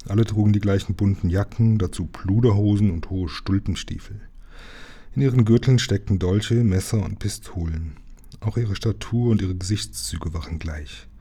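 Very dark-voiced man reading a storybook. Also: low-pitched, husky. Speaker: reader. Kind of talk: reading a children's book aloud.

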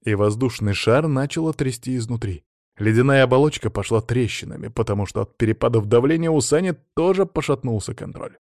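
A male audiobook narrator with a mid-pitched voice and a steady, even storytelling manner. The sound is dry and close, with no room around it. He reads in a plain, measured way. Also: dry recording. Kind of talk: scripted narration.

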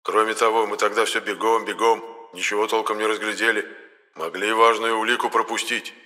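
Man playing a haughty male ghost, lofty, mocking, quiet, very bright, echoing reverb. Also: lowish voice, level tone, a little fast. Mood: authoritative. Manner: lofty, mocking, softer than the narrator.

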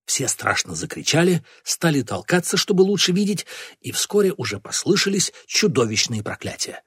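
A man narrates a storybook with expressive, lively delivery, his pitch rising and falling widely. His voice is husky and the sound is dry and close. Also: moderate pace, no room sound. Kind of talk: storybook reading.

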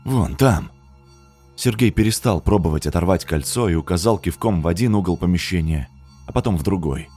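A man narrating an audiobook story in an even, storytelling manner. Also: deep voice, fast talker, slightly rough, soft background music.

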